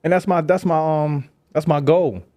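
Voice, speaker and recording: A man's voice: fairly high pitch, fairly even intonation, moderate pace, a little mellow, no echo. A man talking earnestly about his past as a podcast guest, with frequent fillers. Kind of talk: casual conversation.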